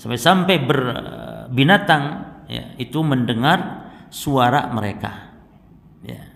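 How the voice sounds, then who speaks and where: A man's voice: medium pitch, lively intonation, slow, gravelly, a bit bright. A male Islamic teacher giving a religious study lesson. He recites Arabic texts and then explains them to the congregation. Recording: reverberant hall.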